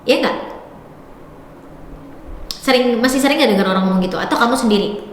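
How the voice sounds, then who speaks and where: Affectionate young female English teacher, high voice, recorded in a very reverberant room. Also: a little fast, a little hiss or hum. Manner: affectionate, calls students "sayang"; mixes English into her explanations. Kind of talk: explaining grammar in class. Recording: very echoey room with long reverb.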